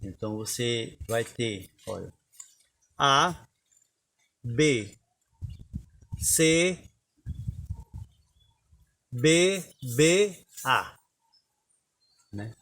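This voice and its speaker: A man's voice: medium pitch, expressive, extremely slow, pauses often, fairly bright tone. A man teaching a lesson on cordel poetry, explaining step by step and reciting verses.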